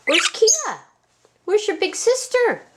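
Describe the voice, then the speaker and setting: A woman's voice: very high-pitched, wildly swooping pitch, slow pace. A woman who owns pet birds, talking to them in affectionate, sing-song baby talk with short repeated phrases. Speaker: pet bird owner. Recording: very noisy home recording with bird chirps.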